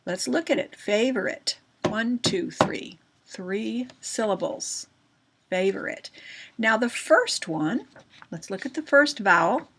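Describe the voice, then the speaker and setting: A woman teacher giving a recorded grammar lesson, patient and slow, often checking in with questions to her students. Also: a little high, lively intonation, fairly bright tone, slight background noise.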